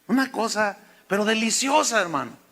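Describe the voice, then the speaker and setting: A man's voice: high-pitched, big pitch swings, normal speed, sharp tone, in a large hall. A man with a Mexican Spanish accent preaching a sermon, telling folksy stories and calling listeners "hermano". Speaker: pastor.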